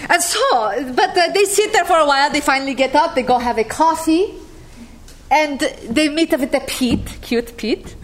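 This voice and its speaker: A woman with an Icelandic accent tells rambling stories about a friend to a gathering, chuckling often as she goes. Her voice sits high and sounds animated, her pace is moderate, and there's a little hiss or hum in the audio.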